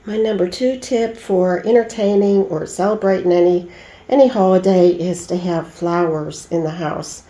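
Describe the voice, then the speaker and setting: Middle-aged lady chatting at home, folksy and easygoing, warm low tone. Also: roomy sound, rough recording. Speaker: lifestyle vlogger. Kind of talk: casual home chat.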